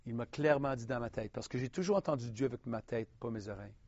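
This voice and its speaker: A man from Quebec, speaking with a Québécois French accent, preaches a personal testimony earnestly and haltingly, often restarting. His mid-range voice is a little mellow, with no room sound and the highs cut off.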